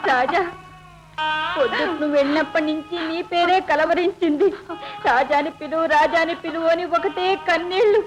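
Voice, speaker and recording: A tender, tearful aunt. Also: female voice, extremely high pitch, moderate pace, music in the background. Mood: tearful comfort. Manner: soothing, tearful. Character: tender village aunt, middle-aged woman. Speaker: aunt comforting children. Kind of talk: 1970s film drama.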